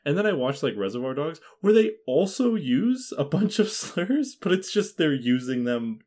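A man's voice: fairly high pitch, sing-song, normal speed, darkish tone. A man chatting casually about a film on a podcast, rambling with many fillers and frequent laughter.

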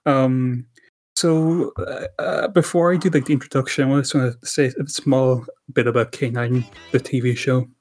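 A man's voice: mid-range voice, steady tone, moderate pace, darkish tone. A man co-hosting a podcast in casual chat, rambling with frequent fillers and restarts. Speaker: podcast co-host.

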